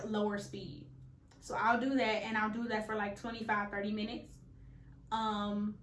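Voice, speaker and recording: A woman, her voice sitting a little high. She is candid and playful and drops slangy asides. The room around her is echoey. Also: a bit bright. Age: late 20s. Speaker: vlogger. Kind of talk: casual vlog chat.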